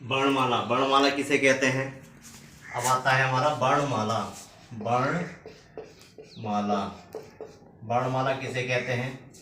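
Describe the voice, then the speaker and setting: A man teaching a grammar lesson, slowly repeating each term word by word as if for students to copy down. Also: mid-range voice, level tone, pushed and bright. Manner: slow, repeats words one at a time for dictation. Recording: echoey room, mic at a distance, faint noise.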